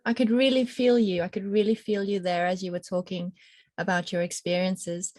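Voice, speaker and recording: A woman co-hosting a casual spiritual conversation, reflective and empathetic, pausing thoughtfully as she talks. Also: medium pitch, flat delivery, a little mellow. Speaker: podcast co-host.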